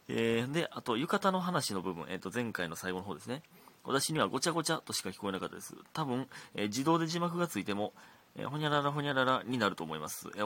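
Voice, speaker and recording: A man in his thirties speaks in a Kansai accent, hosting a casual solo talk show and reading out listener letters. His voice sits low but swings widely in pitch, and a slight hoarseness runs through it. He laughs often and sometimes drops into muttered asides. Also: fairly bright tone. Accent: Kansai Japanese.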